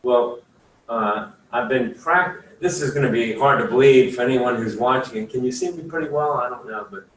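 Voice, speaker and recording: At a career services office, an attorney in his sixties chats casually in a folksy way, rambling with plenty of fillers. His voice is mid-range, a bit bright, and at normal speed. The echoey room, distant mic, and faint hiss color the recording.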